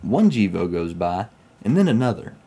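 Fairly quick and husky, this mellow, lowish voice swings widely in pitch. It belongs to a young Oklahoman railfan vlogger with a Southern US accent who folksily recounts his own train experiences while sitting in a small room at home in Oklahoma, United States.

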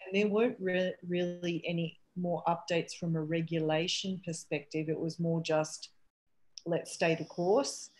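A woman's voice: lowish voice, level tone, normal speed, few pauses, darkish tone. A middle-aged woman, a treatment center owner, talking candidly and reflectively on a video call. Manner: candid and reflective, with frequent restarts and "um"s. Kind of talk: casual video call conversation.

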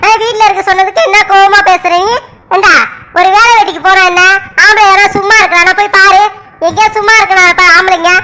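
A stern, lecturing older sister, played by a woman in a village cartoon. She speaks in a very high, bright voice. She scolds steadily and never lets up. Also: fairly even intonation, quick pace, slight background noise. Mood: scolding. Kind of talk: cartoon voice acting.

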